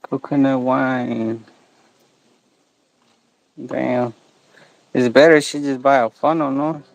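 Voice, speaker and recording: A man's voice: medium pitch, steady tone, takes it slowly, creaky, no echo, rough recording. A man vlogging casually and off the cuff outdoors at a roadside, with a laid-back, informal way of talking. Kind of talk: casual off-the-cuff vlog chat.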